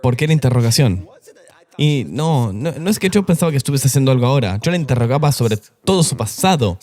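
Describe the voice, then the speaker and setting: A man's voice: medium pitch, animated, fast, darkish tone. A middle-aged man, a pastor, telling his personal testimony in an earnest, confessional way during an interview.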